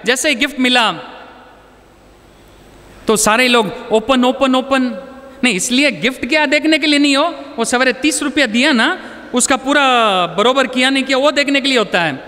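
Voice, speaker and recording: A man's voice: very high voice, moderate pace, sharp tone, long reverb tail. A man telling personal stories in a chatty talk to an audience, dropping English words into his speech. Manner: conversational, anecdotal, mixes in English words. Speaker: motivational speaker.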